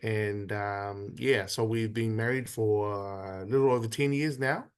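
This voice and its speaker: A man in his thirties, from Samoa, is a guest in a conversational interview, telling his story in a measured way with frequent pauses. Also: fairly low pitch, fairly even intonation, smooth.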